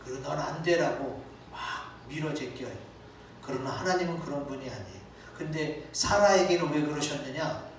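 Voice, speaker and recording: In a church sanctuary, a pastor with a mid-range voice preaches at a normal speed, sounding animated and conversational as he poses rhetorical questions to his audience. The recording is distant and echoey, with faint noise in the hall.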